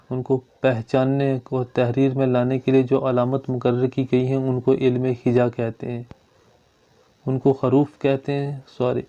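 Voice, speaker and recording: A man's voice: medium pitch, warm tone. A man teaching a grammar lesson. He explains step by step and repeats his points. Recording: dull lo-fi recording.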